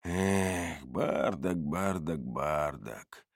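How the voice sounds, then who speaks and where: A man voicing a menacing male mage who speaks low, quiet and threatening. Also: lively intonation, normal speed, dry recording, studio quality, close to an everyday voice.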